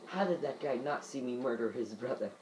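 A man's voice: medium pitch, lively intonation, a little fast, background noise. A man giving let's play commentary, muttering to himself while he plays. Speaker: gamer.

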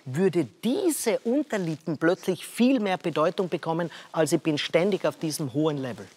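A man's voice: a little high, animated, normal speed, a little mellow. A man from Tyrol with an Austrian accent, analysing as a panelist in a TV discussion and giving vivid examples.

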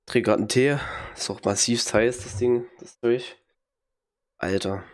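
Speaking at a measured pace in a medium-pitched, fairly even voice, this young gaming streamer has a cold and coughs now and then. He's at home in a small room with a headset on, riffing on a video game in a loose, slangy, blunt way and mocking what happens on screen.

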